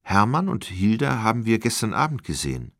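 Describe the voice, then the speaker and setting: A man's voice: fairly low pitch, very animated, fairly quick, no echo, studio quality, pitched above the performer's own voice. A man reading an audiobook, voicing a frightened woman of about sixty who gives hesitant, shaken answers. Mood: anxious.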